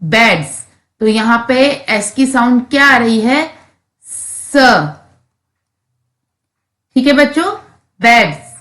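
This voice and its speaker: A woman's voice: high-pitched, fairly even intonation, normal speed, hardly any pauses, fairly bright tone. A woman teacher with an Indian accent reads English textbook lines aloud for children and then explains each one plainly. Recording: echoey room.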